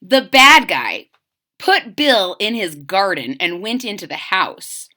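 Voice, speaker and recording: Here a woman expressively reads a children's picture book, breaking off to explain it in simple terms and quiz the little ones listening. She has a mid-range voice with big swings in pitch and a sharp tone.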